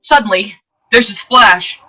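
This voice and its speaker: An actor voicing Clarence, an earnest second-class guardian angel, with animated, emphatic delivery in an old-time radio play. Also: medium pitch, unhurried, low-quality recording. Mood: animated storytelling.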